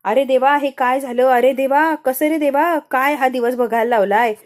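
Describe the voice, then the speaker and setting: A woman's voice: sits high, normal speed, close to an everyday voice. A woman voicing a scheming middle-aged father who wails to God and fakes panic. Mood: wailing. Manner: loud wailing cries to God.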